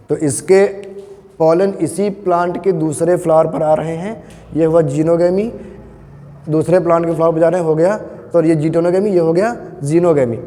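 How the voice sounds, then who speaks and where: A man's voice: on the high side, mellow. Echoey man teaching a biology class. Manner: patient, asks students questions, calls them "beta". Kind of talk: classroom lecture. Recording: long echo in a hall.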